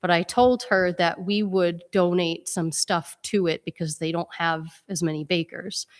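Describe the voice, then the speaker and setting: A woman's voice: on the low side, fairly even intonation, a little slow. A woman with a stuffy head cold gives the welcome and announcements at a church service in a chatty, informal way, with frequent ums. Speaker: minister leading worship. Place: church sanctuary. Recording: long reverb in a church sanctuary.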